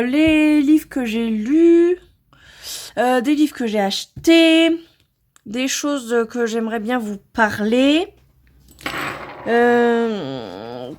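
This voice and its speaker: A woman's voice: fairly high pitch, darkish tone. A French woman in a casual vlog, showing her home craft room and hesitating often between thoughts. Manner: hesitant, lots of filler sounds. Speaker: vlogger.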